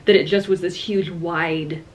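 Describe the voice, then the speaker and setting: A woman's voice: on the low side, steady tone, measured pace, poor audio. A young woman in her twenties chatting casually on a travel vlog, tired and a little playful, trailing off into laughs. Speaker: travel vlogger. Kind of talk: casual chat.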